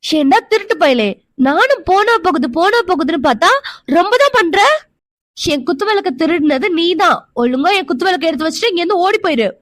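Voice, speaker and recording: A woman voicing a feisty, high-voiced cartoon girl. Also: animated, brisk, no echo. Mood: accusing. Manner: accusing and tearful. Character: feisty young woman, then tearful.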